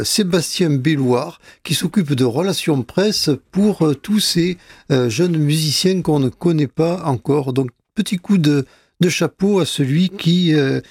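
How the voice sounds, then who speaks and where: A man talks slowly about jazz records on a radio show, often pausing and restarting his sentences. His voice sits a little high for a man. The studio sound is dry and close. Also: vocal fry, a little mellow, slightly rough, no room sound. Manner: hesitant, many fillers and restarts. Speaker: radio music columnist. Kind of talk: casual radio music chat.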